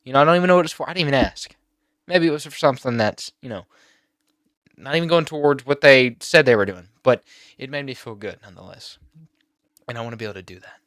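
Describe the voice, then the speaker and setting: A teenage boy talking on his own channel, emotional and halting, near tears at times. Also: mid-range voice, a bit bright, no echo, studio quality. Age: teens. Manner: emotional, halting with many fillers and restarts. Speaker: YouTuber. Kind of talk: personal vlog talk.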